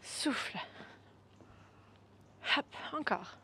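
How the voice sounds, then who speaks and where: Her bright, pushed voice moves extremely slowly as she coaches a beginner workout. The fitness coach coaxes and cheers her listeners on, demonstrating each move and counting it aloud.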